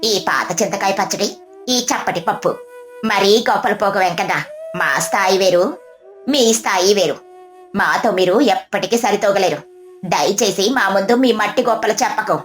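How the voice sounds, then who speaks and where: A woman's voice: medium pitch, fairly even intonation, quick pace, a bit bright, faint music behind, natural voice. A woman narrator voicing a haughty rich woman who talks down to her poor relatives, in a sarcastic, scornful tone. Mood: sneering.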